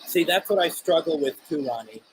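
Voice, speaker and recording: Earnest soft-spoken male host. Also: a little high, animated, husky, poor audio. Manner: earnest, halting, speaks softly to spirits. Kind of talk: live paranormal radio session.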